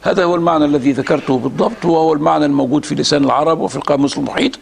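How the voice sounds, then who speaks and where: A male religious scholar with an Egyptian Arabic accent reads and comments on a classical text as part of a lecture series. His fairly high voice is gravelly, and his delivery is measured and deliberate, full of drawn-out hesitation sounds.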